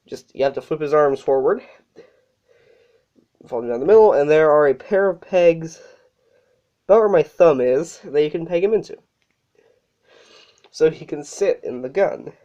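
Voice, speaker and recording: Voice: mid-range voice, lively intonation, moderate pace, long pauses, mellow. A toy reviewer talking casually through a hands-on review, sick and a little out of breath, with fillers and self-corrections. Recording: dull lo-fi recording.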